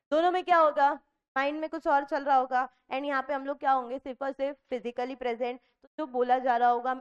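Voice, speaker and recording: Indian woman, teacher, high-pitched, asks the class questions, mixes Hindi and English, muffled lo-fi recording. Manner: lively, asks the class questions and answers them herself. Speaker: commerce lecturer. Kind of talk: classroom revision lecture.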